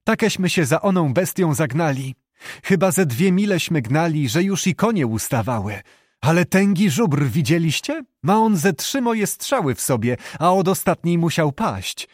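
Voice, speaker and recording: A man's voice: on the high side, big pitch swings, moderate pace, no echo, clean studio sound, pitched above the performer's own voice. A man reading an audiobook, voicing a bold, cheerful young peasant girl who hunts. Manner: cheerful, teasing, girlish.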